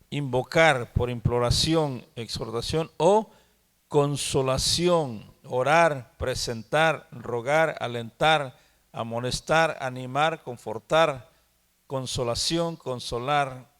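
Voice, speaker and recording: A man teaching the Bible at a prayer meeting. He talks slowly, repeats words and keeps asking "¿sí?". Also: mid-range voice, a bit bright, big-room sound. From Mexico. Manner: slow, repeats words and asks "¿sí?". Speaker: preacher.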